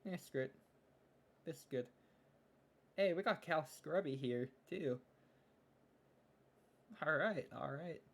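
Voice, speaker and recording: A man's voice: fairly high pitch, slow, vocal fry, long pauses, fairly bright tone. A young man streaming live, chatting casually and thinking aloud as he works on a game, often trailing off into mumbles.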